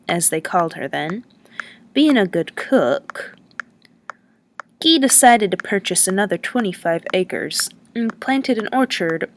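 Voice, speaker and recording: A woman's voice: lowish voice, a little hiss or hum. A woman reading the lines of a chatty, teasing male lodging-house keeper who rambles in a folksy way.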